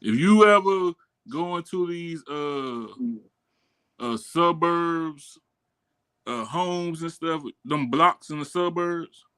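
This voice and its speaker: A man's voice: fairly high pitch, slow pace, fairly bright tone, smooth. A man co-hosting a podcast in slangy casual chat, often tagging "you know what I'm saying.".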